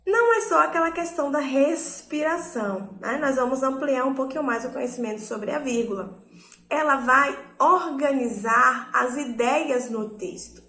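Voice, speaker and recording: A woman's voice: high voice, echoey room. A woman teacher with a Brazilian Portuguese accent gives a primary school lesson, talking expressively and asking rhetorical questions. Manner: expressive, emphatic, asks rhetorical questions, often adds "né?". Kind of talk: recorded classroom lesson.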